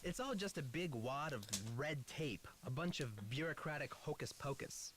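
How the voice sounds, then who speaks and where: A man's voice: a little high, animated, moderate pace, noisy background, lightly acted. An actor playing a laid-back, defiant young male activist in a mystery game, with glib, slangy, theatrical delivery. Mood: defiant, ranting. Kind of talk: video game voice acting.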